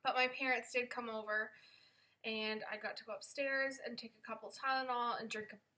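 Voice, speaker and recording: A woman's voice: a little high, little pitch movement, normal speed, pushed and bright. A young woman giving a candid, chatty pregnancy update to camera, tired and a little self-conscious. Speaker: vlogger. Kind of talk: casual pregnancy update vlog.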